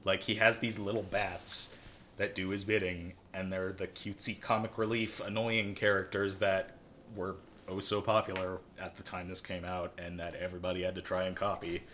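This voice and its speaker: A man's voice: sits low, little pitch movement, moderate pace, fairly bright tone, slight background noise. A man co-hosting a casual movie-review podcast, rambling and sarcastic with lots of fillers. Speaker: podcast co-host.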